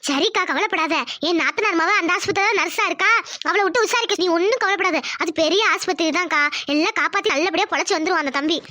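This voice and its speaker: A woman voicing a calm village neighbor woman in a cartoon, who soothes and reassures in a quick, hushed way. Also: very high voice, no room sound, studio quality. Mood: soothing. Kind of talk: cartoon voice acting.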